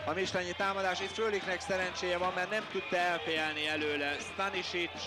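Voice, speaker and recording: A man giving live football match commentary in an excitable manner. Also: sits high, over loud music, over a noisy crowd. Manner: excitable, voice leaps on big moments. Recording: noisy outdoor match broadcast.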